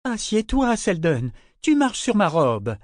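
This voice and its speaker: A woman's voice: medium pitch, sing-song, takes it slowly, a little mellow, no room sound, clean studio sound, voice pushed up. A man reading an audiobook, voicing a curt, irritable young mother who snaps. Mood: irritated. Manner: snappish.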